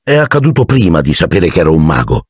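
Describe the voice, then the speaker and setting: A man voicing an earnest, defiant twelve-year-old boy wizard, quick to anger, for an audiobook. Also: deep voice, big pitch swings, husky, no room sound, studio quality, exaggerated voice.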